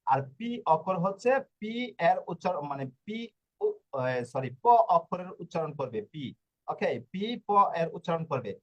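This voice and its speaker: Speaking at a normal speed with an animated, somewhat high and darkish voice, this man runs an Italian alphabet lesson for Bengali learners over dull-sounding audio. He goes over every letter repeatedly, frequently breaking off with "ঠিক আছে?" to confirm understanding.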